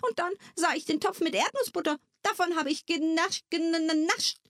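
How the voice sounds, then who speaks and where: A woman reading a story aloud, voicing a tiny, touchy male creature who squeaks indignantly and cries easily. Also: fairly bright tone, dry recording, studio quality. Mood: telling. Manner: squeaky, indignant, quick when telling.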